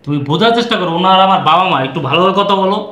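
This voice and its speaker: A man's voice: sits high, rapid-fire, pushed and bright. A man playing a pleading poor young husband. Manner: pleading, placating. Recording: echoey room.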